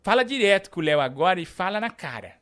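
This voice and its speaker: A man hosting a live show, reading out shout-outs and teasing a caller in a playful way. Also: high-pitched, sing-song, quick pace. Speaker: host.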